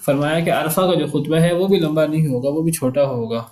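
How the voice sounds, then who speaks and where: A man's voice: on the high side, fairly even intonation, a little mellow, roomy sound. A man teaching a religious lecture. He reads short Arabic passages and explains each word in turn. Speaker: hadith teacher.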